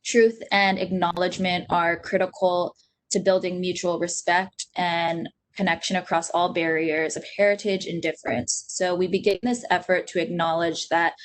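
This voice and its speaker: A young woman from Hawaii, with a lowish voice and a rough recording, opens an online panel as its host. She speaks earnestly and steadily with frequent ums, captured by a laptop webcam during a video call from a small indoor room at home.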